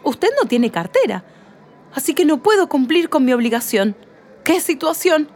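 A woman's voice: sits high, very animated, normal speed, a little mellow. A woman voicing a fussy, rule-bound cashier in a read-aloud play, insistent and easily flustered. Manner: insistent, grows exasperated and fussy.

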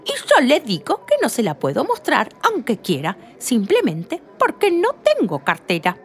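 A woman voicing a stubborn, hurried shopper in a read-aloud play, pushing her words out with emphasis. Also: a little high, huge pitch swings, some chatter behind. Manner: stubborn, rises to emphatic outbursts.

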